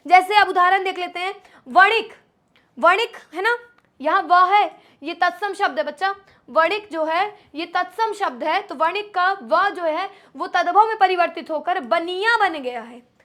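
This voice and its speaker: A woman teaching Hindi grammar in an online exam-prep lesson. She calls her students "my child", asks questions and answers them herself, and slows down to stress key letters. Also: very high voice, pushed and bright.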